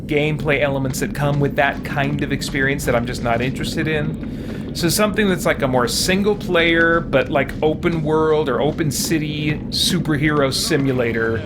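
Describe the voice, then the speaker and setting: A man with a voice on the high side, speaking at normal speed, gives casual game commentary as a streamer, rambling and thinking aloud. Loud game music and effects play behind his voice.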